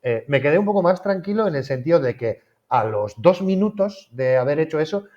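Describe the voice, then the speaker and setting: A man's voice: on the high side, fairly quick. A man hosting a casual interview and telling a story, acting out both sides of the conversation. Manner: animated storyteller, acts out both sides of dialogue. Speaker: podcast host. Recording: dull lo-fi sound.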